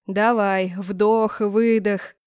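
A commanding winged man with a curt, mocking edge, read by a woman narrator. He barks his words in short bursts, in the same even register as the storyteller. The storybook sound is dry and close. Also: medium pitch, very slow, smooth, no echo. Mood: barking orders. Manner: brusque, barking orders. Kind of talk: audiobook character voice.

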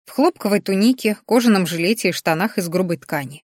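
A woman reading a first-person audiobook with a lively, heated telling. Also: mid-range voice, a little fast, no echo, clean studio sound. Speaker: audiobook narrator.

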